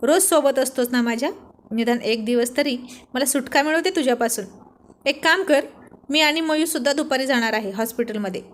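A woman's voice: high-pitched, a little fast, lightly acted. Woman voicing a teasing young husband. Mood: scolding. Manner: teasing, joking banter. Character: playful teasing young husband, loving but cheeky.

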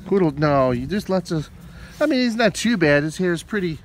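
A man's voice: lively intonation, normal speed, slight background noise. Man vlogger cooing at a dog. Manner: high, sing-song baby talk to a dog. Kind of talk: casual vlog chat.

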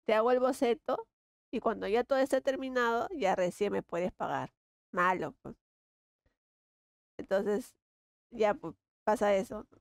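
A woman with a Peruvian accent chatting casually while she draws, lively and slangy, laughing often. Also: medium pitch, unhurried, vocal fry, pauses often, no echo, studio quality. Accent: Peruvian Spanish. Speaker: illustrator vlogger. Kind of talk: casual chat while drawing.

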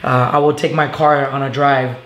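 An earnest young Venezuelan man speaks as a guest in a casual testimony interview, seated on a couch in a living room. His medium-pitched voice is level and a bit bright, halting with many fillers. The room is echoey, with faint hiss on the recording.

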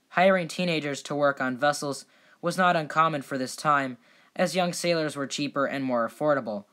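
Male narrator for scripted documentary, bright and crisp-edged tone, somewhat higher than average.

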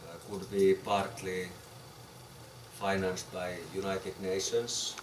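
A hesitant Finnish man with a low, flat voice presents a research project as an architect, giving an informal talk to a small group. He speaks haltingly, with many fillers and repeated words. A far-off camera picked him up in a small, crowded indoor room, so the audio is roomy, distant, and noisy.

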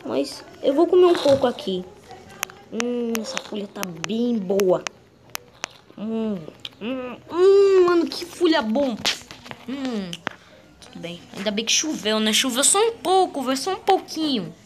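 A high, bright-voiced young green dinosaur , played by a woman, who chatters to himself in slang while he roams. He sounds light and youthful, with a soft hiss of background noise. This is casual in-character game role-play. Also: very animated, a little slow. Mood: relieved. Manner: chatty, slangy, talks to itself.

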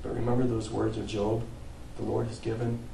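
A man preaches a sermon with a dark, mellow voice. He rises to emphatic peaks, then falls quiet at the ends of phrases. The sound is roomy, with a faint hiss, and he is some way back from the microphone. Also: lowish voice, little pitch movement, brisk, vocal fry, distant mic. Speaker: pastor. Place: church sanctuary.

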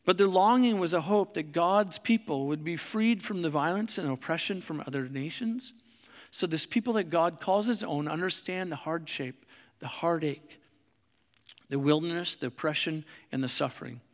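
A man preaching a sermon in a conversational way, with fillers and restarts, and slowing softly on reflective lines. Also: fairly high pitch, in a large hall. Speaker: pastor. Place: church sanctuary.

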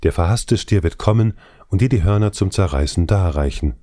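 A male audiobook reader voicing a serene, smiling goddess of love in a calm, consoling, measured way. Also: low-pitched, dry recording, clean studio sound. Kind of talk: scripted audiobook reading.

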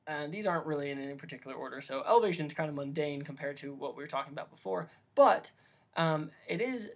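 A man's voice: a little high, fairly bright tone. A man hosting a vlog, explaining game ideas in a casual, rambling way with many ums and restarts. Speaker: vlog host giving dungeon master advice. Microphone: camera mic.

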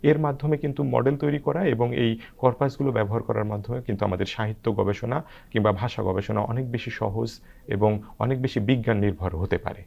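A man's voice: mid-range voice, fast, gravelly, mellow. A man who is a guest researcher talking about language research, hesitating often with filler sounds. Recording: dull, lo-fi sound.

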